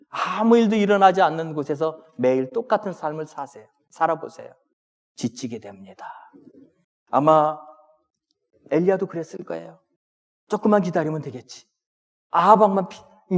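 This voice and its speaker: A man preaching a sermon as senior pastor, with expressive delivery that rises to impassioned pleading when he voices prayers. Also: on the high side, normal speed, long pauses. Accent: Korean. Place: church sanctuary. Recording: long church-hall reverb.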